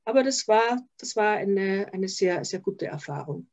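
A woman's voice: mid-range voice, animated, a little slow, darkish tone. Older Austrian woman, hesitant and reflective. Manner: reflective, hesitant with many fillers and restarts. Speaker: interview guest, social worker. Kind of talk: conversational interview. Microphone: video call. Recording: slightly dull video call audio.

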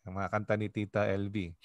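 A man serving as pastor, giving a relaxed devotional talk over a video call, often asking "di ba?" and laughing easily. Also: lowish voice, no room sound. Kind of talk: casual devotional teaching.

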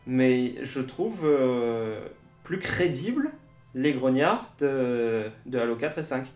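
A man's voice: mid-range voice, lively intonation, slow pace, darkish tone, soft background music. A man who is a guest on a let's play, chatting casually and mildly pushing back in an easygoing way. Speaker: guest co-player. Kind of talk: casual gaming chat. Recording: roomy echoey mic.

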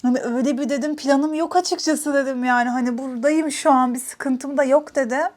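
A young woman talks straight to the camera in a casual food vlog. She tells her stories in an animated, chatty way and laughs often. Her voice sits a little higher than most women's. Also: a little fast. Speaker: vlogger. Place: home in Canada.

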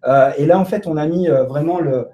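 A man's voice: on the high side, fairly quick, mellow, highs cut off. A man giving a casual live presentation to an audience in a co-working space, hesitant and full of fillers and restarts. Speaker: presenter at a data meetup.

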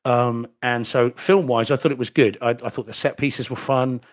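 A middle-aged New Zealander, a solicitor by trade, co-hosts a home theater podcast in a medium-pitched, steady voice at normal speed. He chats casually yet carefully, with dry asides and restarts, over a desk microphone on a video call from a room at home.

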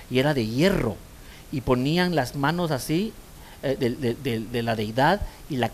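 A man's voice: medium pitch, slight background noise. A man preaching a language sermon as pastor and therapist, telling a story with lots of restarts and "¿verdad?" checks. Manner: animated storytelling, many repeats and "¿verdad?" tags. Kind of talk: sermon with anecdote.

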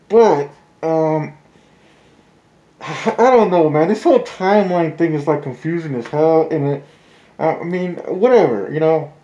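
A man's voice: on the high side, dark tone. A man speaking through a face mask, muffled, chatting casually and rambling as a vlogger, with some swearing. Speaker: vlogger reviewing film trailers. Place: small indoor room with blinds. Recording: dull, muffled, roomy home recording.

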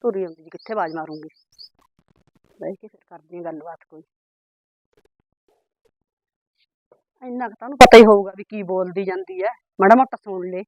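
A woman's voice: lo-fi sound, natural voice. A woman with a Punjabi accent playing a nagging, scolding village mother in a family drama. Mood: grumbling. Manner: scolding, complaining, quick and shrill. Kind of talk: amateur village drama acting.

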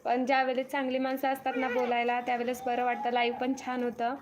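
A woman's voice: a little high, monotone, fast talker, a crowd in the background. A young woman hosting a casual live stream from her farm home, reading viewers' comments aloud and thanking each by name. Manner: greets viewers one by one, reads comments aloud, repeats thanks. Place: farm home with cattle shed nearby.

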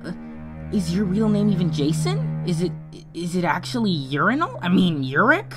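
A cocky young male captain, played by a woman mocks his captor with quick, sarcastic jokes. The voice is low and casual, set against clear background music. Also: very animated. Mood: mocking. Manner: sarcastic, joking, quick comebacks. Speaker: spaceship captain. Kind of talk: amateur film voice acting.

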